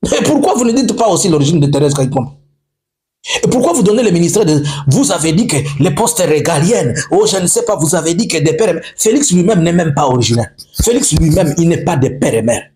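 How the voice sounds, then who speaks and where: A man's voice: a little high, sing-song, fairly quick, warm tone, slight background noise. Guy preaching politics, fired up, repeats himself a lot, voice jumps all over. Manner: emphatic, repetitive, switches between French and English. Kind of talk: impassioned political monologue.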